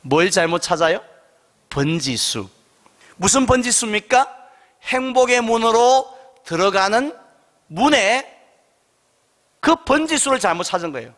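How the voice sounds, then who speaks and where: A man's voice: high voice, unhurried, long pauses. A male pastor preaching a sermon, telling stories and asking rhetorical questions, in a reverberant church hall. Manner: lively storytelling with rhetorical questions. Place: church sanctuary.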